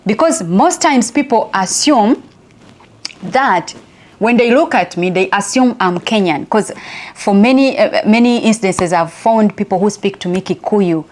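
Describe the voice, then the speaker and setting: A woman's voice: medium pitch, unhurried. Chatty Ugandan woman telling a story. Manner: chatty, laughs often, lively. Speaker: inspirational speaker. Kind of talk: personal storytelling monologue.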